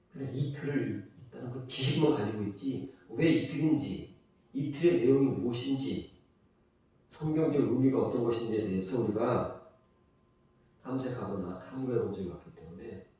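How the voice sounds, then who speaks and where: A man's voice: mid-range voice, warm tone. A man preaching a sermon as a pastor, emphatic, repeating key phrases and asking rhetorical questions. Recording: distant mic, very echoey church hall.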